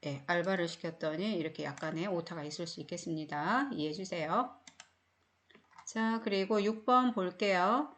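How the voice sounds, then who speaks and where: In a recorded online English lesson, a middle-aged woman with a Korean accent teaches phonics, patiently explaining every word and repeating it often. Her voice is on the low side.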